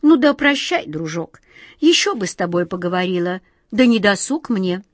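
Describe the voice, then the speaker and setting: A woman reading a storybook and voicing a kindly, sly auntie who talks slowly and coaxingly. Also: medium pitch, expressive, dry recording, clean studio sound, close to an everyday voice. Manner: slow, drawn-out, fond coaxing tone.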